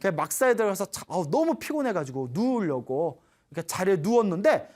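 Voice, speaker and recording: A Buddhist nun gives a dharma talk, her voice rising and falling with expressive swings. She tells her stories in an animated way and often stops to ask her audience questions. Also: mid-range voice, brisk.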